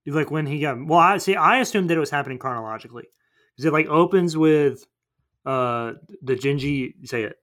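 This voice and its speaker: A man's voice: a little high, brisk, fairly bright tone. A man chatting casually about a movie, rambling and thinking aloud with lots of fillers.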